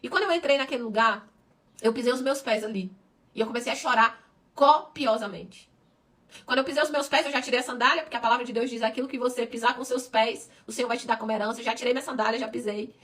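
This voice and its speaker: A woman's voice: fairly high pitch, quick pace, fairly bright tone, distant mic. A middle-aged woman pastor preaching a sermon with passion, repeating words for emphasis and rising to cries.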